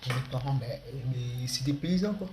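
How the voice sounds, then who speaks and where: A woman's voice: rumbling low, moderate pace, over music. A woman voicing a rude, impatient teenager who bosses the parents around in whiny slang. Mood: exasperated. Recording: echoey room with background noise.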